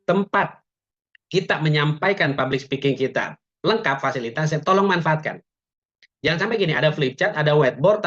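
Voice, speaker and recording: A man's voice: on the high side, fairly bright tone. Chatty male webinar trainer, lo-fi audio. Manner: chatty, joking asides, many "ya" tags. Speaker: public speaking trainer. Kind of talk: webinar lecture. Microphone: video call.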